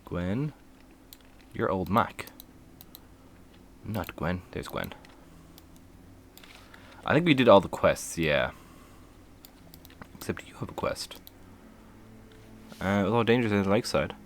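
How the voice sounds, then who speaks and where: Deep-voiced man streaming a game. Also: expressive, slow pace, long pauses, slight background noise. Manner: playful, laughs and hums to himself while playing. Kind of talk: casual gameplay commentary.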